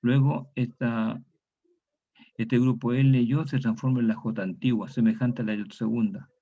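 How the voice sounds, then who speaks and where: A man's voice: medium pitch, fairly even intonation, measured pace, dark tone. A man teaching a class on historical grammar, repeating each key word and often tagging his statements with a question. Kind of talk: online lecture on historical grammar. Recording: dull lo-fi recording.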